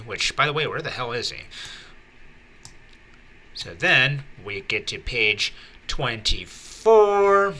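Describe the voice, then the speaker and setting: Male manga commentator with a bright, forceful tone; slow, chatty page-by-page read-through. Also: medium pitch, clear, resonant tone. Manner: chatty, with many fillers and excited asides. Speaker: manga reviewer and channel host.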